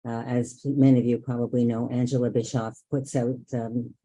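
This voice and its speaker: A woman activist introducing herself, rambling with pauses and fillers. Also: extremely low pitch, little pitch movement, dark tone, breathy edge. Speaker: activist guest.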